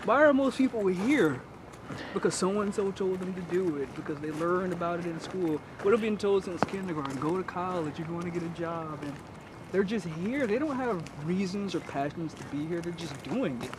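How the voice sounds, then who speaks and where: A man's voice: sits high, animated, normal speed, noisy background. A young man, a college student, chatting casually on a walk, rambling and laughing between thoughts. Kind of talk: casual chat while walking. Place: outdoors on a city street at night. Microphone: handheld camera.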